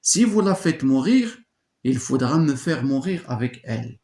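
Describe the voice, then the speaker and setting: A man's voice: mid-range voice, big pitch swings, measured pace, darkish tone. A man reading aloud the part of a young frightened sister who pleads, voice raised, in an echoey room. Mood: pleading.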